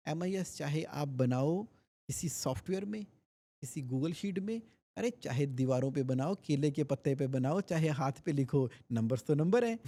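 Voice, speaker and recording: Dark in tone but pitched on the high side, this voice belongs to an Indian finance expert being interviewed on a podcast. His explanations are animated, full of everyday examples and repetition.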